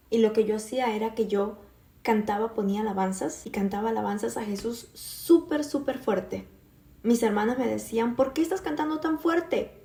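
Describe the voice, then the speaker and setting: A woman in her twenties from Puerto Rico, telling her personal faith testimony in an earnest, halting way with many fillers. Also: mid-range voice, creaky, mellow, echoey room.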